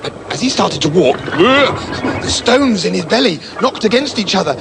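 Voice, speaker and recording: Funny guy reading a fairy tale, gravelly voice, playful silly asides. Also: high-pitched, very animated, moderate pace, background noise. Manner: playful, mock-dramatic asides. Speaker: storyteller. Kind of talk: comic fairy-tale narration.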